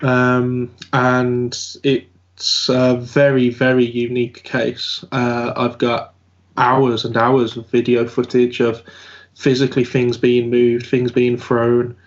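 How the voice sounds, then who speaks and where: A paranormal investigator and podcast host talks through his work in a casual round-table chat. His voice sits at a medium pitch and stays monotone as he speaks slowly, captured in dull lo-fi audio.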